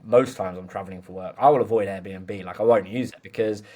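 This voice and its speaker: A man's voice: fairly low pitch, a little fast, mellow. A man hosting a casual business conversation, chatty and loose, leaning on fillers as he talks. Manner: chatty, many fillers like "like", agrees often.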